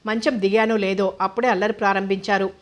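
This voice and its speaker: Woman doing young bride, coy and spirited, even tone. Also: mid-range voice, fast, natural voice. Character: young woman, a lively, shy newlywed wife.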